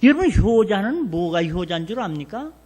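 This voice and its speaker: Older male pastor, high voice, lively revival preaching with rhetorical questions. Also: moderate pace. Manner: folksy storytelling with rhetorical questions to the congregation. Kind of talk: revival sermon.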